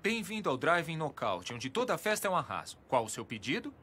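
An actor playing an awkward teenage fast-food worker in an animated series dub, sarcastic and hesitant. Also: male voice, on the high side, slight background noise. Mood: dry sarcasm.

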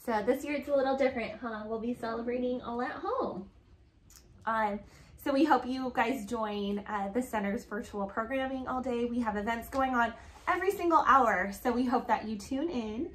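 A woman in her thirties hosts a children's story time in an indoor living room, reading a picture book aloud and asking questions in animated, child-directed talk. Her voice is on the high side and her pace moderate. A camera a few feet away picks her up in an echoey room.

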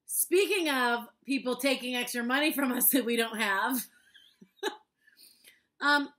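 A woman chats casually as a podcast co-host from home, her voice high and ringing bright. She laughs a lot and swears freely, talking straight into her laptop. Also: slow pace. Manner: chatty, laughs often, swears. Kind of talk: casual chat.

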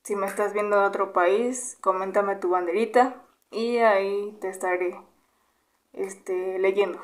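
A Mexican YouTuber in her twenties, speaking with a Mexican Spanish accent, answers viewer questions in a relaxed, chatty Q&A vlog, humming between questions. Her mid-range voice is unhurried. She films on a camera held close in a small bedroom.

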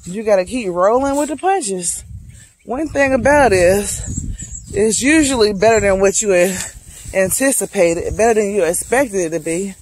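On a wooded hiking trail, a late-thirties woman from Charlotte, North Carolina records a casual vlog on a phone held at arm's length, addressing viewers as "y'all" in a chatty, reflective, motivational way. She speaks animatedly at a moderate pace in a medium-pitched, slightly mellow voice, with a little hiss or hum in the audio.

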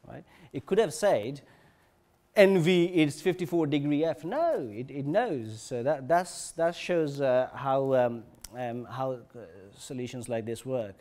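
A man giving a technical conference talk, halting, with many fillers and restarts. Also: medium pitch, expressive, dark tone. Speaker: conference presenter. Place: conference session room.

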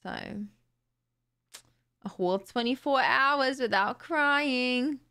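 This young woman is a live streamer talking indoors from her room late at night, using a close boom studio mic. She sounds tired and a bit raspy today, yet bubbly and quick to laugh as she chats and thanks viewers. Her voice is high, slow, pushed and bright.

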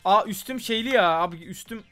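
A man hosting a casual gameplay video, talking fast and getting exasperated, often breaking into shouts. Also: high voice, crowd noise. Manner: excitable, exasperated outbursts, frequent shouting. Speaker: gaming channel host.

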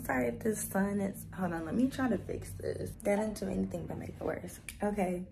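A young woman from with a slightly raspy morning voice, chatting casually to her vlog viewers and laughing often. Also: medium pitch, fairly quick, over music. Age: young adult. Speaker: vlogger.

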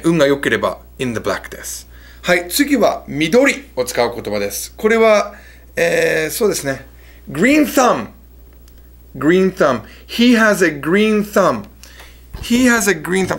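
Casual male teacher, lively pitch, a little high, chatty and easygoing. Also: vocal fry. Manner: lively, chatty, fixing his setup mid-lesson. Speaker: English teacher. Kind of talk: casual explanatory lesson.

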